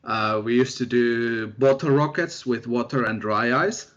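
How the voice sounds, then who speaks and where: A young man talks through his path into research in a loose, self-deprecating way. His pitch sits mid-range for a man. The audio is muffled and lo-fi. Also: measured pace. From Finland. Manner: relaxed, self-deprecating storytelling. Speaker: guest scientist, postdoctoral researcher. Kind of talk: casual interview chat. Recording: dull lo-fi audio.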